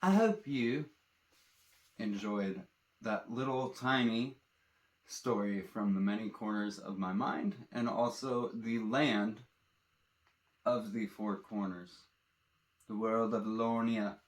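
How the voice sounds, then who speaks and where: This author's reading of his fantasy tale is theatrical and dramatic, and he speaks straight to his audience. He has a lowish voice, a slow pace and frequent pauses, all heard with a roomy echo.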